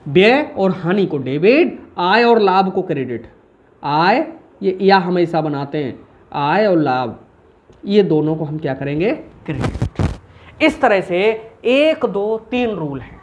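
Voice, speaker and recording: A male commerce teacher talks through a lesson in a lively, chatty way. He keeps asking his students questions and answering them himself. A faint hiss sits under his voice. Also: high voice, slow pace. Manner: animated, asks and answers his own questions. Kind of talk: informal recorded lesson.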